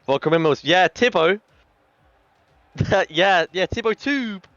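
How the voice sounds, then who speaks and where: A man's voice: high voice, lively intonation, unhurried, a bit bright, no echo, dull audio. A man commentating an online esports tournament in a chatty way, with announcer-style hype lines. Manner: chatty, reads out team chats, hype lines.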